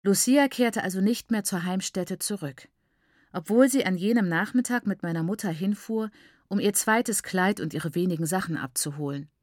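A woman's voice: mid-range voice, moderate pace, darkish tone, no room sound. Woman narrating an audiobook, dry sound. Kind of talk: scripted first-person narration. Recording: dry close studio recording.

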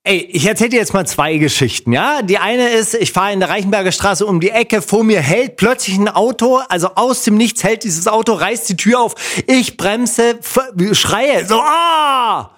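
A man hosting a casual discussion, telling lively anecdotes and acting out quotes. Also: sits high, normal speed, hardly any pauses. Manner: lively storyteller, acts out quotes. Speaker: host.

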